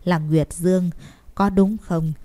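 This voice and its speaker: A woman's voice: on the low side, fairly even intonation, takes it slowly, warm tone. A woman voicing a jealous young woman who speaks in a cool, wry way. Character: jealous, caring young woman nurse-like carer.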